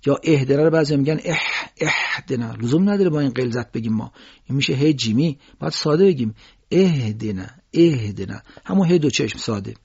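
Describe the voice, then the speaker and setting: Husky male tajweed teacher, Persian native, slows to demo sounds, dull lo-fi sound. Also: medium pitch, animated, a little mellow. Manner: demonstrates sounds by slow, drawn-out recitation. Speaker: Quran recitation teacher. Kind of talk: tajweed pronunciation lesson.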